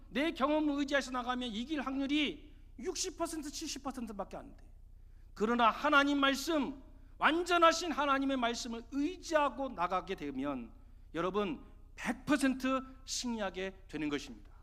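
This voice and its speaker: A man's voice: very high-pitched, lively intonation, normal speed, sharp tone. A man preaching a sermon as pastor, pressing his points with rhetorical questions to the congregation. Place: church sanctuary. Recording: long church reverb.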